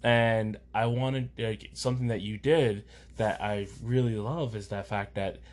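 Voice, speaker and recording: A man with a somewhat low voice speaks in an earnest, reflective way. He talks casually, circling back and restarting sentences as he works through his thoughts. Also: steady tone, measured pace, darkish tone. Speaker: podcast co-host, parent. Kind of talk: casual faith and parenting chat.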